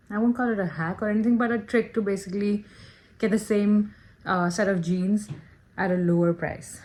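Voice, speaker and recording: Woman lifestyle vlogger, slightly low pitch, upbeat casual chat straight to camera. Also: a little mellow. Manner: chatty and upbeat, talks straight to viewers.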